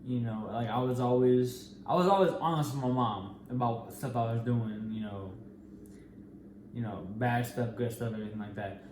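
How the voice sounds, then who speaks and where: Casting: American man, twenties, mid-pitched voice, slangy casual vlog talk, roomy sound with faint noise. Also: normal speed. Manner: informal, slangy. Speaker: co-host of a couple's Q&A. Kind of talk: casual chat.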